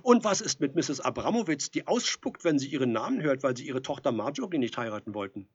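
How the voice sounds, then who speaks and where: A man voicing a jovial, breezy male demon from hell, brash and loud. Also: mid-range voice, big pitch swings, quick pace, breathy edge, no room sound. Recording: dull lo-fi recording.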